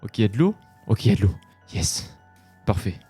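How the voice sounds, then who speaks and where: A man's voice: lowish voice, big pitch swings, fairly quick, warm tone, slightly rough. A young man giving casual Let's Play commentary, chatty and jumpy, breaking into scared yelps. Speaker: gaming YouTuber. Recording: faint game music behind.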